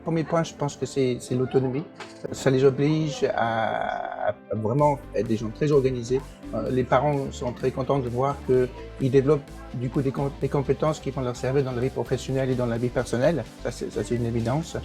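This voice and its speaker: Speaking over background music, a man who teaches English and directs a program responds to interview questions, often pausing, using fillers and starting over. English is his native language, and his medium-pitched delivery stays fairly even.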